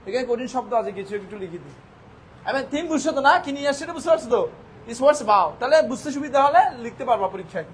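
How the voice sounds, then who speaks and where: High-voiced man teaching a class. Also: lively intonation, poor audio. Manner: quizzing students with quick questions and answers. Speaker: English teacher. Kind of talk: classroom vocabulary lesson. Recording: faint background noise.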